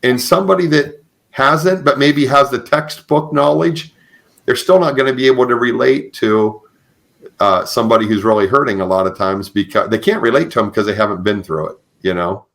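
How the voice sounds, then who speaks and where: This podcast host runs a conversational interview offering religious encouragement, affirming his guest and repeating phrases for emphasis. He speaks at a normal pace in a mid-range, creaky voice that's a bit bright.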